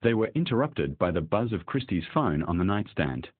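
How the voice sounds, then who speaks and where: Male audiobook narrator, low and husky, lively delivery, dry tinny phone-like audio. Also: moderate pace, dry recording. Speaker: story narrator.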